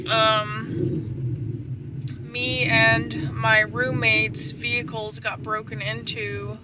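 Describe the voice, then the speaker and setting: A woman vlogging from inside her parked truck in casual, rambling, slangy chat, with faint ambient noise behind her. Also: on the high side.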